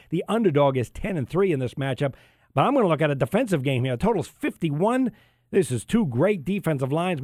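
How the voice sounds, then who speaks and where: Male sports betting analyst, slightly high pitch, emphatic radio commentary, statistics-heavy, dry recording. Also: darkish tone, dry recording. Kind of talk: football pick commentary on radio.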